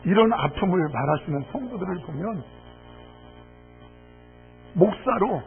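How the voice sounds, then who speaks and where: A man preaching as pastor, impassioned and pleading at times, soft and wry at others. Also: high-pitched, lively intonation, unhurried, creaky. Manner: impassioned, swinging from loud pleading to soft asides; wry humor. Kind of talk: sermon. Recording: tinny phone-like audio with faint music.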